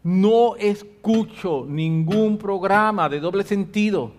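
A middle-aged man, preaching a sermon as pastor, fervent and emphatic, with slow stressed words and shifts from loud to soft. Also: high voice.

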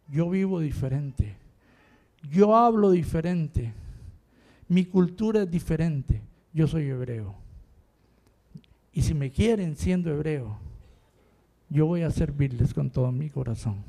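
An older man from Rica, preaching an impassioned sermon that swings between quiet talk and shouting. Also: a little high, creaky. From Costa Rica.

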